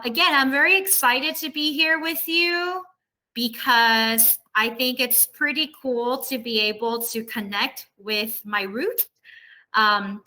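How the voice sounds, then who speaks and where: Over a video call with poor audio, a woman professor gives a casual, conversational online lesson, explaining things and frequently checking that her students agree. Her voice sits on the high side and has a sharp tone.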